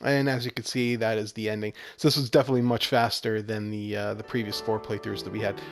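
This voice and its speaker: Over game music, a man hosts a video game guide, walking through each step with explanatory instructions. His voice sits lowish, and he delivers it flatly at a quick pace.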